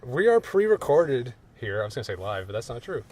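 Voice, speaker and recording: A young man hosting a casual podcast chat, jokey and lively. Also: mid-range voice, brisk. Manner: lively, jokey, animated delivery. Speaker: podcast host. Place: indoors in Toronto.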